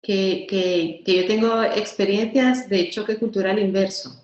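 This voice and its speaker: A woman's voice: medium pitch, fairly even intonation, unhurried, a little mellow, roomy sound, lo-fi sound. A woman from Honduras, moderating an online webinar in a chatty way, with many fillers and repeated words.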